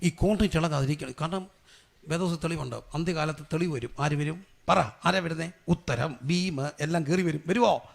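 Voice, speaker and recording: A man, a pastor preaching a sermon, moving from quiet storytelling to loud, fervent exhortation. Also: a little high, normal speed, gravelly.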